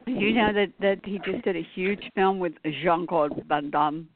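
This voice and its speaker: A woman hosting a talk show, chatting breezily and quick to chime in. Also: on the low side. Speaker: show host. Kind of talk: casual chat. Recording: tinny phone line with faint hiss.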